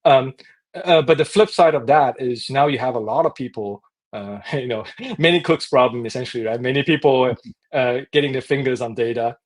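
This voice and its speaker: A New man with a mid-range voice talks as a livestream guest. He speaks in a halting way, full of ums and uhs, and laughs lightly as he explains. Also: medium pitch. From New Zealand. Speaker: guest, startup co-founder. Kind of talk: casual interview chat.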